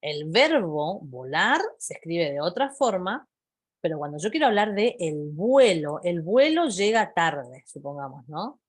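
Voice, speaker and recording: A woman explains English vocabulary to a class, her low-leaning voice sing-song and unhurried. She patiently repeats phrases and checks in with her students.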